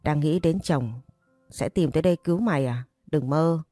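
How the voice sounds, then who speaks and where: A woman voicing a jealous, cruel young wife who threatens and taunts in a low, warm voice. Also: normal speed, dry recording, soft background music. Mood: taunting. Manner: taunting, menacing.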